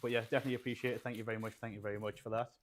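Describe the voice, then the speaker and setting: Mid-range and level in tone, a young adult man speaks rapid-fire over slight background noise while assembling a PC on stream. He comes from Poland, was raised in England, and works from a small shelved studio room, rambling casually with fillers and reading the live chat aloud.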